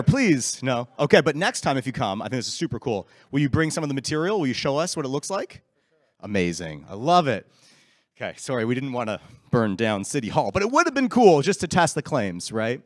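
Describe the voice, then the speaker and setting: A man's voice: on the high side, sing-song, a little fast, no echo. Man, event host, upbeat and joking, handheld mic, dry close sound. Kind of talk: live event hosting. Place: large council chamber at an event.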